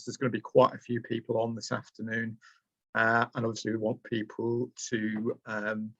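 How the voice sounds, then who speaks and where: Running a live web training, a middle-aged Lancashire man from Preston speaks in a mid-range monotone at a moderate pace, fumbling with frequent ums and uhs. His fairly bright voice has no echo, though the webcam audio from his small room sounds dull and lo-fi.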